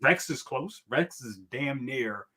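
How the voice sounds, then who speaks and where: A man's voice: medium pitch, expressive, takes it slowly, bright, forceful tone, breathy edge. Opinionated man in casual chat. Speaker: guest toy reviewer.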